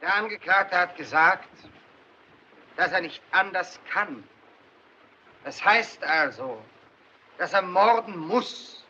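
An actor playing a hard underworld boss who condemns the accused, cold and then shouting, in a 1930s film. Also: male voice, high-pitched, animated, slow, long pauses, highs cut off, a little hiss or hum, full character voice. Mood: condemning. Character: ruthless male underworld boss acting as accuser.

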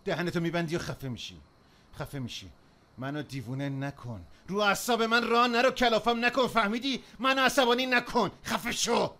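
A man dubbing a volatile drunk husband who snarls threats, swinging between shouting and low muttering, in a dubbed film. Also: animated. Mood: furious. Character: volatile drunk man, Yusuf, bullying his wife. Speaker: dub actor.

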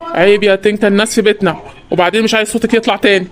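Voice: mid-range voice, fairly even intonation, close to an everyday voice. A performer voicing a blustering middle-aged father of the bride in a comedy cartoon, in Egyptian Arabic. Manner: blustering, quick to shout.

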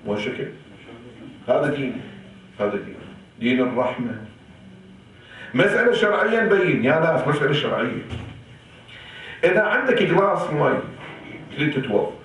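A man's voice: a little high, fairly bright tone, a little hiss or hum. A man with an Iraqi Arabic accent delivering an impassioned, rhetorical sermon in the hall of an Islamic center. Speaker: preacher. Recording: echoey hall from far off.

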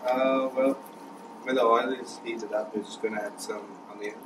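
A young man calmly explaining a recipe, listing ingredients with many ums and uhs. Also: mid-range voice, normal speed. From Sri Lanka. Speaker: cook showing a recipe. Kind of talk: casual cooking demonstration. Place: small indoor room, student kitchen. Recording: echoey room, mic far off, noisy.

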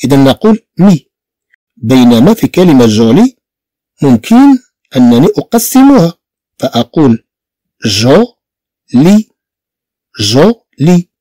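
A man's voice: on the high side, very animated, warm tone, no echo, clean studio sound. A man with a Moroccan Arabic accent teaching a beginner French lesson, spelling out letters and repeating each sound patiently. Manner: slow, repetitive spelling-out of sounds.

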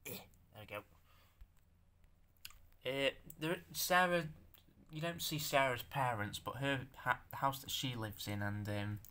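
A young man with a bright, forceful voice shows off his handmade figures in a loose show-and-tell. He stammers, restarts and swears as he goes, and he sounds unused to talking out loud. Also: medium pitch. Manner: halting, stammering, swears, self-conscious. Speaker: stop-motion creator showing his figures.

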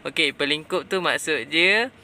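A man's voice: fairly high pitch, unhurried, bright, forceful tone. A Malaysian man, a father running a casual quiz for his children, prompting and explaining words simply inside a car. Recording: faint noise in a car.

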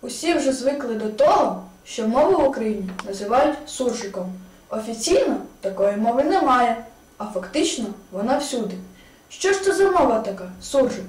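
A woman giving a measured, explanatory scripted recitation at a school event. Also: a little high, sing-song, a little mellow. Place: school hall. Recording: echoey hall, distant mic.

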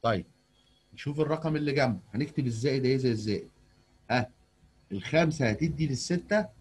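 Fast-talking husky Egyptian math teacher. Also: male voice, medium pitch, a little mellow. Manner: patient, coaxing questions to a young pupil. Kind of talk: online tutoring lesson. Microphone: video call.

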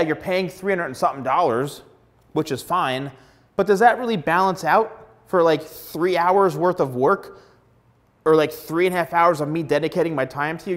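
Male stylist host, 40s, blunt and emphatic, lapel mic, slightly high voice. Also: moderate pace. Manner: emphatic, blunt, repeats words for stress. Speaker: hairstylist giving advice. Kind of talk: direct-to-camera advice vlog. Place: plain studio backdrop indoors.

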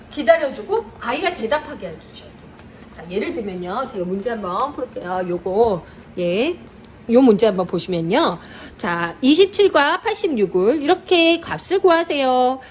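A high-pitched, lively middle-aged woman lectures parents like a tutor, her voice swooping up and down as she presses her points. She laughs often between lines. The recording sounds echoey and a little distant, with faint noise underneath. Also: measured pace. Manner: animated, emphatic, laughs often. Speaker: math tutor coaching parents.

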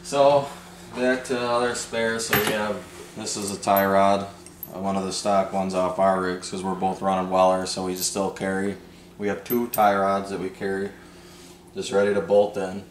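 A man's voice: sits low, little pitch movement, normal speed. A man with the hiccups chatting casually about his off-road spares in a laid-back, joking way. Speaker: off-road video co-host. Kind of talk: casual garage chat. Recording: echoey room with clear background noise.

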